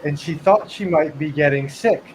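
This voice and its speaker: A male podcast co-host talks in a hesitant, rambling way. His voice sits a bit high for a man, with a faint room hum behind. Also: moderate pace, darkish tone. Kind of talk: casual chat.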